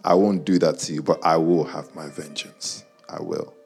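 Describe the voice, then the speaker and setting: This is a steady, bass-voiced man speaking at a moderate pace, a little mellow and slightly rough, with faint music behind. His London accent and slangy banter keep things casual as he teases a live audience and people watching online. Nigerian by origin, he spent childhood years in Guyana and was educated in the UK.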